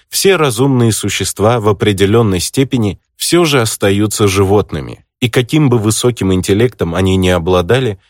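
Deep-voiced man reading an audiobook. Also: no room sound, studio quality. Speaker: audiobook narrator. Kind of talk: scripted fantasy audiobook narration.

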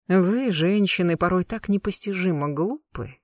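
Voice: mid-range voice, normal speed, dry recording, clean studio sound, lightly acted. A reader voicing a suave, cruel aristocratic lord in an audiobook, speaking with mocking courtesy and cold menace. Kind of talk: audiobook narration.

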